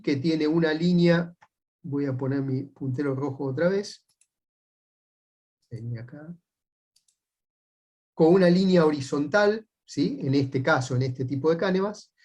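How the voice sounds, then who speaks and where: A man with a Rioplatense Spanish accent teaching a sailing class, explaining step by step and often checking in with quick "right?" tags. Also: on the high side, darkish tone. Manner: patient, methodical step-by-step explaining. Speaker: sailing instructor.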